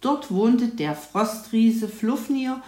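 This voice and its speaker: A woman narrating a children's story calmly and evenly. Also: a little high, slow pace. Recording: roomy echo.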